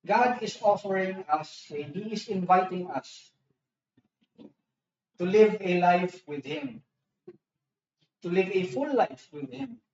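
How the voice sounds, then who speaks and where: A man's voice: high-pitched, lively intonation, slow pace, long pauses, far from the mic, slight background noise. A man preaching a sermon in a loose conversational way, with frequent restarts and tag questions, switching between Tagalog and English. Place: church hall. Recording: echoey church hall, dull lo-fi sound, speaker off-mic.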